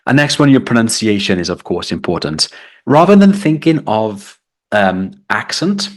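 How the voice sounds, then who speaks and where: A man's voice: lowish voice, very animated, normal speed. A man with a British accent giving a live online English test lesson, explaining and reading out chat comments.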